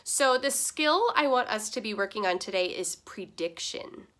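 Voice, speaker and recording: A woman's voice: mid-range voice, expressive, moderate pace, a bit bright. A woman teacher opening a read-aloud lesson for her students, talking in an upbeat, enthusiastic, chatty way.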